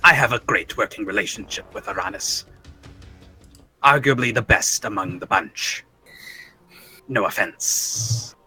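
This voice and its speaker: A man's voice: fairly low pitch, a little slow, pauses often, bright, forceful tone, breathy edge, pitched below the performer's own voice, heavily acted. A man voicing a huge, stern dragonborn paladin who speaks formally through his teeth with a hissing reptilian voice, with music underneath.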